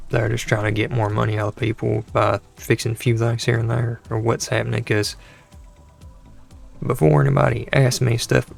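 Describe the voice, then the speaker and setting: A man with a mid-range, gravelly, creaky voice hosts a gaming channel, chatting casually over gameplay. His throat is dry and his voice hoarse, and he rambles in an exasperated way, often starting his sentences over.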